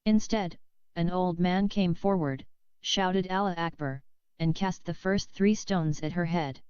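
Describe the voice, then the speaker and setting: A woman reading a book chapter aloud as scripted audiobook narration, in a steady, measured delivery. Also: on the low side, smooth, dry recording. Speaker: audiobook reader. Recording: dull lo-fi dry recording.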